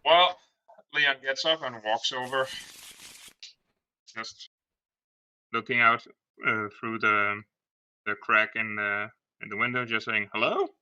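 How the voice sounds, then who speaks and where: A man playing a tabletop game, haltingly improvising narration of his character's actions. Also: mid-range voice, fairly even intonation, bright, forceful tone, smooth, lo-fi sound.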